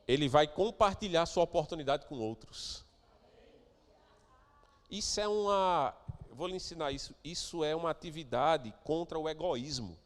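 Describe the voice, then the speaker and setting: A man preaching a sermon as pastor of a church, moving between quiet asides and loud, emphatic declarations. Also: fairly high pitch, animated, normal speed, big-room sound. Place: church sanctuary.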